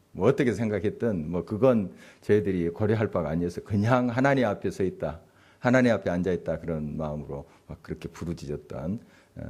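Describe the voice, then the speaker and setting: A man's voice: low voice, dark tone. A male pastor giving a conversational sermon, asking the congregation questions and chuckling as he speaks. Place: church sanctuary.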